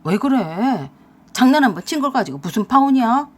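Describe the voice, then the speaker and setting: Woman reader doing young husband, radio drama, pushy then wheedling, higher-pitched. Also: very animated, normal speed, slightly rough. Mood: defensive. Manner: defensive, pleading then shouting. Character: panicky shameless young husband. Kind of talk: Korean radio drama acting.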